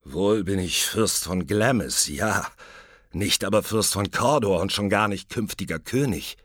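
Forceful noble warrior, louder and a bit higher than the narration, husky; male reader. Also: a little slow, no room sound, clean studio sound. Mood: commanding. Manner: forceful, commanding. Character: Macbeth, noble warrior, proud and troubled.

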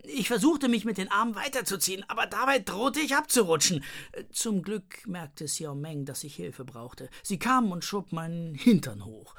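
A woman reading a children's story aloud in the first person, lively and expressive. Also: mid-range voice, moderate pace. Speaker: audiobook reader.

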